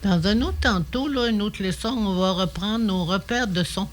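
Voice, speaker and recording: An older woman, teaching a radio language lesson, slow and patient, repeating each word carefully. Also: medium pitch.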